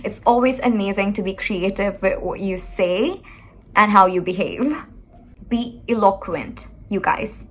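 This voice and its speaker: A woman coaching communication skills, giving motivational advice in an expressive, animated way, speaking straight to the viewer. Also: mid-range voice, normal speed.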